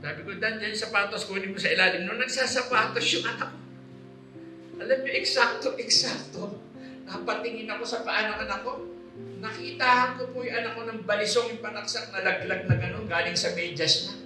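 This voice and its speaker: A man's voice: high-pitched, fairly even intonation, fast. A middle-aged man giving an earnest, emotional religious testimony to a congregation, speaking politely to his listeners. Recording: echoey hall with music, from far off. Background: soft instrumental music.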